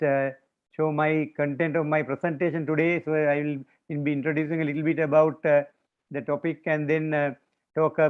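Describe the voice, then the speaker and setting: An older Sinhalese-speaking man with a Sri Lankan accent gives an online lecture in English, pausing often with drawn-out uhs. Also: a little high. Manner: hesitant, frequent pauses with drawn-out uhs. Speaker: visiting lecturer and retired professor, guest speaker. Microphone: video call. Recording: dull, lo-fi video call audio.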